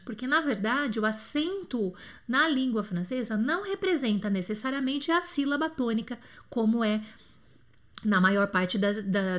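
A high, bright-voiced Brazilian woman gives a live online French lesson. She chats loosely, drifts into asides and stretches out the example words slowly so every sound is clear. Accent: Brazilian Portuguese. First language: Portuguese. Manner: chatty, scatterbrained asides, drawn-out slow word demos. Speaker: French teacher.

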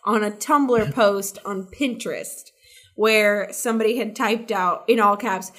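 A woman's voice: medium pitch, unhurried, a bit bright. A woman co-hosting a casual podcast chat, laughing often and searching for words.

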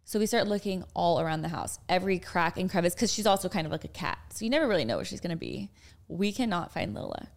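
A young woman talks through a story on her podcast in a loose, chatty way, full of fillers and asides. Her voice sits a little low for a woman. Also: very animated, quick pace, vocal fry. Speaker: podcast co-host. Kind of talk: casual chat.

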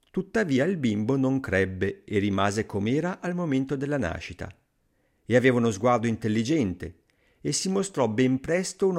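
A man narrating a fairy tale in an expressive storytelling manner. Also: mid-range voice, creaky.

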